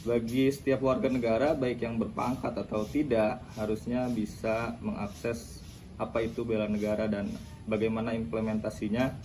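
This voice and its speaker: A man in his thirties, a high school teacher, giving measured, explanatory interview answers. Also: flat delivery, dark tone. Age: 30s. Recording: noisy background.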